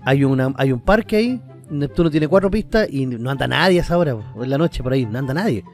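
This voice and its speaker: A man's voice: medium pitch, expressive, soft background music. Laughing Chilean man, set back from the mic. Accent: Chilean Spanish. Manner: laughs often, tells quick anecdotes. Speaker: podcast co-host. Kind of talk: casual comedic chat.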